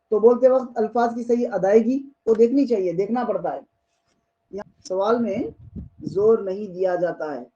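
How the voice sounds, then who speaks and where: Male exam-prep teacher with an Indian Urdu accent, warm dark tone, dull recording, patient and repetitive. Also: high voice. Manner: repeats and rephrases, mixes English terms. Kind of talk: explaining exam questions.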